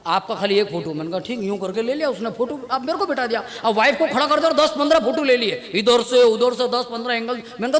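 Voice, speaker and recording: A comic poet on stage, telling chatty, self-mocking stories and acting out the dialogue. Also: male voice, extremely high pitch, a bit bright, in a large hall. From India. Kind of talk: stand-up storytelling at a poetry gathering. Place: stage at a poetry gathering. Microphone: stage mic on a stand.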